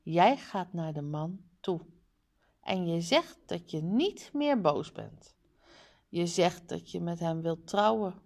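A woman reading the lines of Aladdin, a determined young hero, slowly and plainly from a storybook. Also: lowish voice, lively intonation, a little mellow. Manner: slow, plainly read dialogue.

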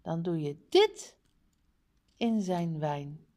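A woman reading the lines of Aladdin, a determined young hero, slowly and plainly from a storybook. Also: fairly low pitch, very animated, warm tone, exaggerated voice. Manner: slow, plainly read dialogue.

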